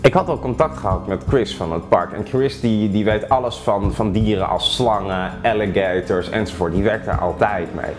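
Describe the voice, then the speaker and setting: A man's voice: lowish voice, normal speed, few pauses. A man in his twenties, a travel show co-host, narrating in an interview in an easygoing, teasing way. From Netherlands. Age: 20s. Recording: music playing underneath.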